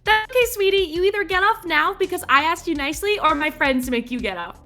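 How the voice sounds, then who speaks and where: Woman putting on a high, sugary kindergarten teacher voice. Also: lively intonation, quick pace, sharp tone, soft background music, heavily acted. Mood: sweet menace. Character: sweetly menacing woman adventurer using kindergarten teacher voice.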